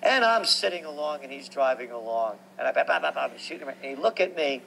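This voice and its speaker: A man's voice: mid-range voice, slight background noise, low-quality recording. New man in his sixties reminiscing. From New York. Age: 60s. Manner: animated, reminiscing, emphatic. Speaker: guest. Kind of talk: conversational storytelling.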